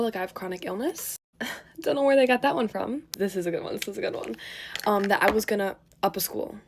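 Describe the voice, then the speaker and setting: Young woman, storytime vlog, animated, swearing, light background noise. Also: medium pitch. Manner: animated, swearing, laughing through a rant.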